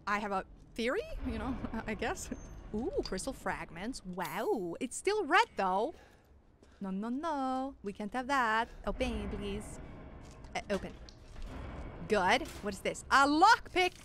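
A woman's voice: on the high side, expressive, a little slow. A woman giving casual, chatty commentary while playing a video game, swearing and laughing at herself. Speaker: gaming streamer. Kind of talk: casual let's-play commentary. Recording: loud game noise behind voice. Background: game ambience.

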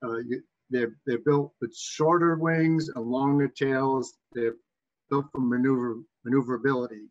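A man from Massachusetts with a Boston accent gives an informal slide lecture as an instructor, in a halting, backtracking way with a slightly husky voice. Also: mid-range voice, fairly even intonation, a little mellow, muffled recording. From Massachusetts, USA. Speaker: bird identification instructor.

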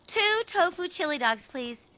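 An earnest, excitable cartoon teenage girl. The voice is very high and bright, with lively, bouncing pitch. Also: unhurried, exaggerated voice.

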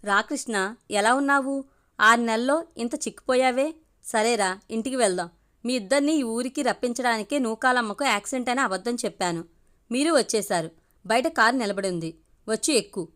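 A woman voicing a proud, hot-tempered middle-aged village patriarch who shouts commands. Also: on the high side, moderate pace, close to an everyday voice. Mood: falsely friendly.

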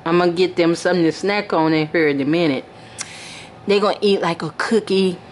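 A woman vlogger in casual chat, talking slowly, gushing and repeating herself as she coos to her dolls. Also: fairly low pitch. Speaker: vlogger showing her reborn doll nursery. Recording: noisy home recording with air conditioner hum.

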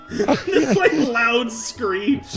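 A man's voice: a little high, a bit bright. A tipsy man hosting a let's play, rambling and giggling as he chats casually over the gameplay. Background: game music.

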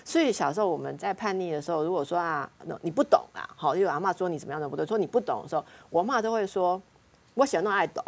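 A woman with a Taiwanese Mandarin accent, a counselor guest on a talk show, telling family anecdotes in a lively way and acting out what her relatives said. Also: fairly low pitch, rapid-fire, gravelly. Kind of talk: casual talk-show storytelling.

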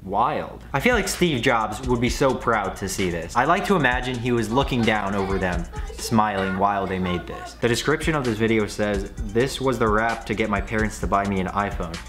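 A man's voice: lowish voice, animated, moderate pace, hardly any pauses, music in the background. A young man reacting to online videos with sarcastic, mock-outraged comedic commentary.

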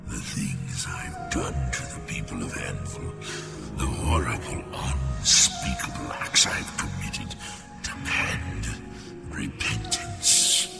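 A man voicing a spooky undead lich in a fantasy video game, grandiose and theatrical with a gravelly voice. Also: very deep voice, takes it slowly, full character voice. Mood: solemn false remorse. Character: undead male lich skeleton, spooky, feigned remorse turned menacing. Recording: loud music behind the voice. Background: game music.

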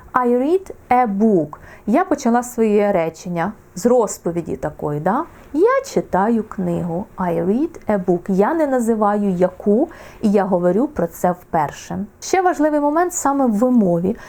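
A woman teaching English articles, slowing down to model and repeat example words. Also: mid-range voice, dark tone. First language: Ukrainian. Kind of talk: explaining grammar with examples.

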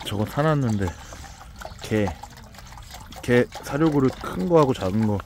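A man talking gently to two shy country dogs outdoors as he feeds them, with coaxing baby talk and many repeated words. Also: mid-range voice, animated, measured pace, noisy background. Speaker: vlogger feeding rural dogs. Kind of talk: casual talk to dogs and camera.

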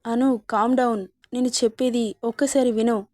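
A woman reading a storybook, voicing a patient, quietly stubborn young man who speaks soothingly and teases gently. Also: a little high, fairly even intonation, moderate pace, no room sound, clean studio sound, natural voice. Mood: calm.

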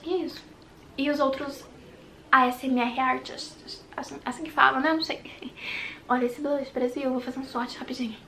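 A Brazilian woman talks straight to her camera in a casual makeup vlog. Her voice sits high, and she gushes excitedly, then drops to a whisper now and then. A faint hiss runs under the recording. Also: normal speed. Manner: gushing and excitable, dropping into whispers. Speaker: beauty vlogger. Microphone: handheld compact camera.

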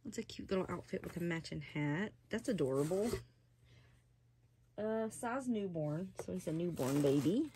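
An older woman chatting slowly and fondly in her small hobby room at home, gushing as she opens a doll box. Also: fairly low pitch, expressive, background noise. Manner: chatty, softly gushing, slow and unhurried. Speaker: reborn doll collector. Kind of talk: casual unboxing chat.

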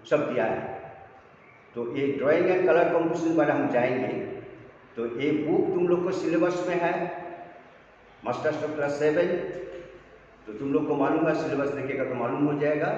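A man's voice: on the high side, darkish tone, a little hiss or hum. A man teaching an online art class, explaining step by step and mixing Hindi with English. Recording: dull, echoey room from far off, faint ambience.

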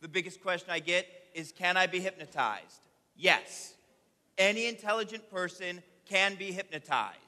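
Bright, high-pitched man hosting a stage show. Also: moderate pace. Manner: projecting to an audience, commanding. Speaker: stage hypnotist and show host. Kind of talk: comedy stage hypnosis show. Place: large theatre stage. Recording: echoey theatre hall with audience noise.

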